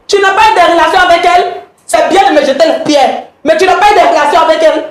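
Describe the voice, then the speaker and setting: Woman, high-pitched, accusing, insistent repeated questions, heated confrontation, echoey room. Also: fast. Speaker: wife confronting her husband on a mediation show.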